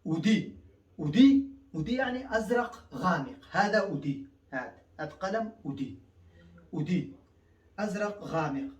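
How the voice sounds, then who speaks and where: A man's high-pitched voice with lively intonation sounds far from the mic as he teaches in an echoey room. Originally from Afghanistan and a first-language Pashto speaker, this language teacher gives a casual lesson. He goes slowly, repeating things and dragging out fillers.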